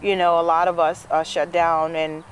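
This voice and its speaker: A woman's voice: on the low side, level tone, normal speed, a little hiss or hum. A woman around fifty, chatting as an interview guest and telling her story with many "you know"s. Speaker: guest, dress business owner. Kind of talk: casual interview chat.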